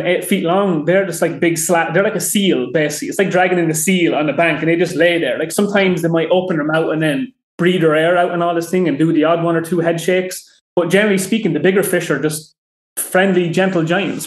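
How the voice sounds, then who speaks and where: A man with an Irish accent, a podcast guest telling fishing stories in a rambling, animated way with many fillers. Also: a little high, echoey room. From Ireland. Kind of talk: casual chat.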